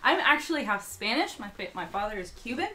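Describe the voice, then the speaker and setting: A woman co-hosting a casual talk show, chatty and quick to laugh, her throat a little strained. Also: a little high. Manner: chatty, laughs often, animated bursts. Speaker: podcast co-host. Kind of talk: casual chat.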